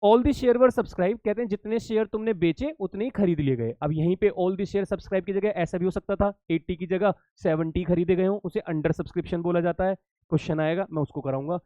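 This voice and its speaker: Man teaching accountancy, high pitch, mellow tone, dry dull recording, repeats key points. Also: moderate pace, few pauses, dry recording. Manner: addresses students as kids, repeats key points, asks if understood. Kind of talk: exam-prep lesson.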